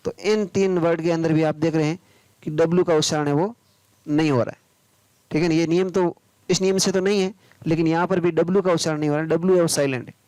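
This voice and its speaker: A man, teaching English pronunciation, spelling out words letter by letter and then explaining them slowly. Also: on the high side, steady tone, darkish tone, dry recording, poor audio. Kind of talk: pronunciation lesson.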